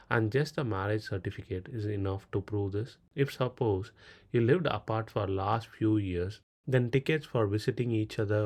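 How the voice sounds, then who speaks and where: Over a screen recording, a man with a lowish, darkish voice walks through a tutorial step by step. He has a Tamil Indian accent, speaks Tamil natively, and delivers clipped narration, reading questions aloud and then answering them.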